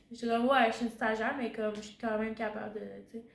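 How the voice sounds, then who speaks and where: A woman's voice: fairly high pitch, fairly even intonation, a little fast, creaky. A young woman with a Québécois accent, a student teacher chatting casually and hesitantly, often searching for her words. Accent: Québécois French. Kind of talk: casual reflective chat. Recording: roomy echo.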